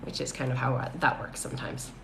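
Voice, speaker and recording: A woman's voice: very deep voice, flat delivery, quick pace, creaky. A woman doing psychic readings on a live stream, who calls people honey and laughs often. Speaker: psychic medium. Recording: echoey room with faint noise.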